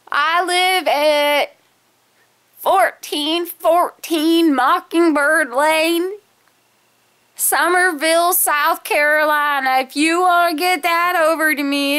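Woman doing a high, slow-talking old lady on a prank call, rambling and apologetic. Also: bright, forceful tone, full character voice. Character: confused 87-year-old woman ordering pizza.

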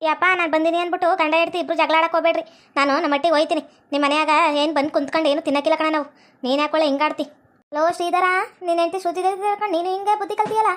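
Super high shrill deaf old lady, north karnataka kannada, nags super fast. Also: steady tone. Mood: nagging. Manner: shrill, nagging, melodramatic wailing. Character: meddling deaf old village woman, scolding. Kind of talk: comic family skit.

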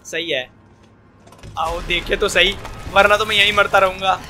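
A young man giving casual, jokey let's-play commentary, excitable and talking back at the game. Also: high voice, unhurried, a little hiss or hum. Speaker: gaming commentator.

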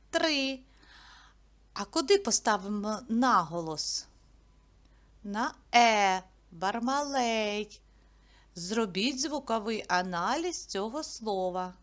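A woman teaching a literacy lesson who asks simple questions and answers them herself, stretching words slowly and clearly. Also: mid-range voice, a bit bright. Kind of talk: slow, clear classroom lesson narration.

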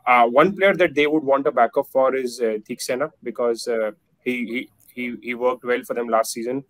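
A man in his thirties offers cricket analysis in a casual panel discussion over a video call, full of fillers and restarts. His medium-pitched voice is steady and fairly bright, at normal speed. The webcam audio from his plain indoor room is dry and poor.

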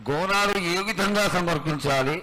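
A man's voice: fairly high pitch, moderate pace, sharp tone. A man speaking as a priest, addressing an oracle in formal, deferential ceremonial phrases. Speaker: priest putting questions to the oracle. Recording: noisy live ceremony.

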